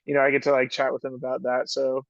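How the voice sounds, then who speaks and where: A ski patroller and union officer rambles through a casual interview, full of fillers and laughing often. His medium-pitched voice is monotone, quick and marked by vocal fry, heard over dull, dry lo-fi call audio with no room sound.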